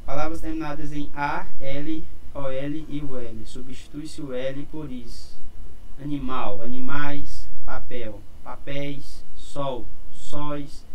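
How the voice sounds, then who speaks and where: Slow, methodical man teaching grammar. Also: mid-range voice, fairly even intonation, far from the mic, a little hiss or hum, rough recording. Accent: Brazilian Portuguese. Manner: methodical, lists rules and paired examples. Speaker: exam prep teacher. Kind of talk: explaining grammar rules in a lesson.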